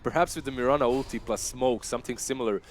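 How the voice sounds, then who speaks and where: A man with a Bosnian accent breaks down strategy on a live esports broadcast. His English is fluent but not native, and he leans on fillers as he reasons aloud. His voice sits at an ordinary middle pitch for a man. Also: fairly even intonation, fast, a little hiss or hum. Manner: analytical, explains strategy with frequent fillers. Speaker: esports color commentator.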